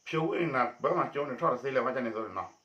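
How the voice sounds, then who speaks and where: A man delivers a news report in a bright, forceful voice with a steady pace. The sound is muffled and lo-fi, and it carries a noticeable room echo. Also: medium pitch, rapid-fire. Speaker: news presenter. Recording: echoey dull lo-fi recording.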